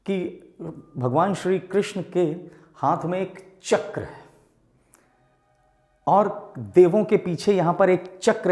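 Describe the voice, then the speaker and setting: Male vocab teacher, high voice, slow deliberate delivery, roomy echo. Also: mellow. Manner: addresses students as children, asks questions and answers them himself; spells out and repeats words slowly. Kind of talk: vocabulary lesson for exam students.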